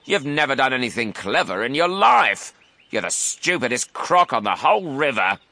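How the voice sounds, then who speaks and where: Man as a sharp, snippy smaller storybook crocodile. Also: mid-range voice, very animated, moderate pace, no room sound, pitched above the performer's own voice. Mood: indignant, scolding. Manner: indignant, snippy scolding. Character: smaller, disapproving, scornful not-so-big crocodile. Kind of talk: children's storybook character reading.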